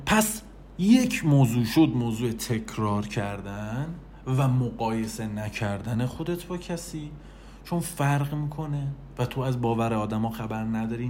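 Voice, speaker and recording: A man giving an animated motivational talk, speaking straight to the listener and repeating phrases for emphasis. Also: medium pitch, slight background noise. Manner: animated, repetitive, addresses listener directly. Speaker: self-help speaker.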